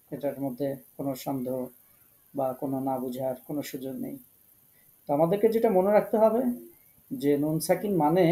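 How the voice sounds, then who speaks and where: A male teacher giving an online tajweed lesson in a mellow, warm voice. He explains patiently, slows down for key rules and repeats them so students remember. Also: on the high side, vocal fry, rough recording. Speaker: Quran recitation teacher. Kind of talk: online tajweed class lecture.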